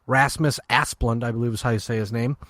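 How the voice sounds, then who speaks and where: A man's voice: mid-range voice, fairly even intonation, brisk, fairly bright tone, no echo. A man co-hosting a sports podcast, chatting casually with many restarts and fillers. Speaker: podcast co-host.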